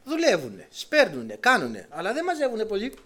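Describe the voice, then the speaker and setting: A middle-aged man preaching a sermon to a congregation, emphatic, his voice climbing high and then dropping low. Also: huge pitch swings, fairly bright tone.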